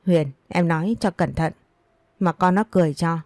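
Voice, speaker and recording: A woman's voice: fairly low pitch, fairly even intonation, normal speed, darkish tone, no echo, natural voice. A woman reading the lines of a defensive husband who placates his wife on the phone. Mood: placating.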